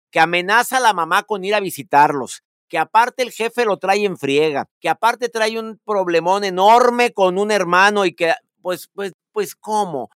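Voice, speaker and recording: A man's voice: high-pitched, a bit bright, clear, resonant tone, no room sound, clean studio sound. A man with a Mexican Spanish accent hosting a casual podcast, giving playful, teasing advice full of affectionate nicknames. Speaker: podcast host.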